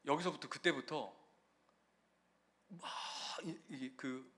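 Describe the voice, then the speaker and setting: A male pastor preaching a sermon, moving between loud emphasis and quiet storytelling. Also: fairly high pitch, slow pace, creaky.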